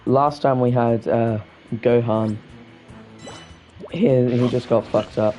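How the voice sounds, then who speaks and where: A man's voice: medium pitch, fairly even intonation, takes it slowly, dark tone, faint music behind. A young man casually chatting and swearing freely while live-streaming a video game.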